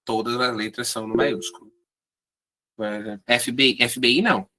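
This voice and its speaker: A man's voice: mid-range voice, fairly even intonation, moderate pace, sharp tone, a little hiss or hum. A man teaching an online writing workshop, explaining step by step and often checking in with his students. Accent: Brazilian Portuguese.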